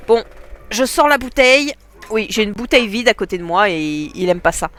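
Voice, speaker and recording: A woman's voice: mid-range voice, normal speed, heavy background noise. A woman with a stuffy nose giving casual, chatty commentary while gaming, often laughing. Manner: chatty, laughs often, talks to her dogs. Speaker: gaming streamer.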